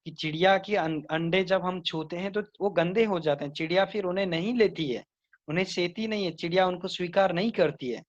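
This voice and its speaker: A man's voice: high voice, fairly quick, lo-fi sound, natural voice. A male teacher voicing a stern mother who scolds her son in a school story reading, with lamenting cries. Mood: scolding.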